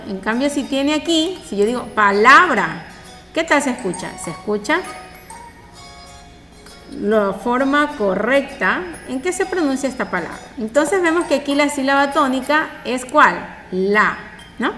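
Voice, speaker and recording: A woman with a bright, fairly high voice teaches a recorded lesson to young pupils. She is patient and keeps asking short check-in questions. She punches out syllables loudly when she demonstrates them. Her voice rings in a reverberant room with faint music underneath. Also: lively intonation, a little slow. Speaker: primary school teacher.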